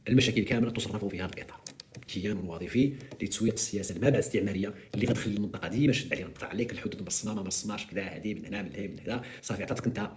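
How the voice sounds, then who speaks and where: A man with a Moroccan accent hosting a live stream, giving sarcastic, mocking political commentary in an animated way. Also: lowish voice, very fast, slight background noise.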